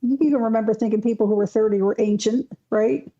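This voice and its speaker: A woman's voice: a little high, fairly even intonation, fast talker, warm tone, dull audio. A woman in her thirties co-hosting a livestream, chatting in a wry, reflective way. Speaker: co-host of a livestream. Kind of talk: casual chat.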